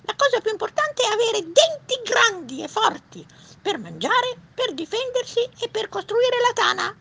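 A woman's voice: extremely high pitch, very animated, normal speed, creaky, a little hiss or hum, voice pushed up, heavily acted. A woman voicing an emphatic, bossy beaver in a children's storybook reading. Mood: adamant. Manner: emphatic, exclaiming. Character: bossy beaver with big teeth.

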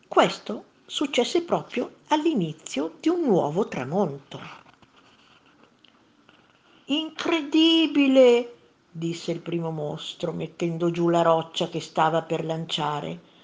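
A woman reading a picture book aloud to children, expressive and unhurried. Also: on the low side. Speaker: storyteller for children.

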